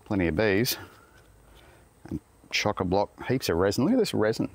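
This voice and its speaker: Fairly low-pitched and sing-song at a moderate pace, a middle-aged Australian beekeeper is heard in a dry recording. He talks casually to a tripod camera in an outdoor garden as he works, muttering self-deprecating asides.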